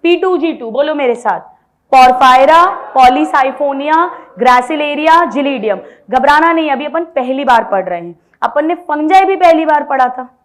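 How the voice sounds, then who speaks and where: High-voiced woman teaching biology mnemonics. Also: expressive, moderate pace. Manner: drills mnemonics, has students repeat names aloud; mixes Hindi and English terms. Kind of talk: online exam-prep lecture.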